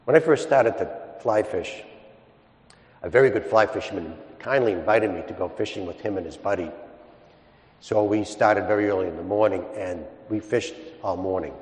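Low-voiced priest in echoing church. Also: male voice, moderate pace, darkish tone. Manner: chatty and questioning, asks the listeners. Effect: long echoing church reverb. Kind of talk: gospel reading and homily at Mass. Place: large church. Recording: echoey church hall with long reverb.

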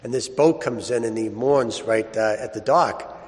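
A man's voice: medium pitch, moderate pace. Clergyman in a cathedral-like echo. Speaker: priest or deacon preaching. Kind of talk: solemn scripture reading and conversational sermon. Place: large reverberant church. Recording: cathedral-like echo, long reverberant church hall.

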